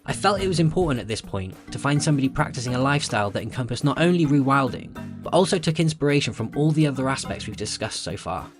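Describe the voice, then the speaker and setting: A man reads documentary narration in a reflective tone. He moves briskly through his lines. Music plays clearly beneath his voice. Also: medium pitch, animated. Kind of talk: scripted narration.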